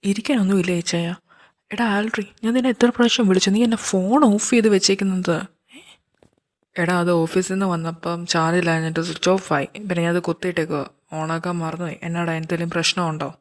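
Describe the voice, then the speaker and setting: A woman's voice: fairly low pitch, fairly even intonation, quick pace. A woman acting in a fan audio drama, speaking plainly and conversationally while voicing male characters.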